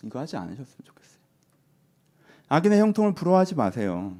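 A man's voice: medium pitch, very animated, fast talker, warm tone. A man preaching a sermon in a casual, conversational way, acting out short asides. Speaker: pastor.

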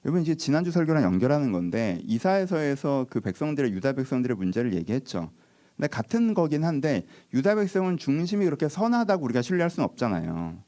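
A man preaching a sermon as a pastor, telling the story in a lively, animated way and acting out the dialogue between figures. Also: mid-range voice, fast.

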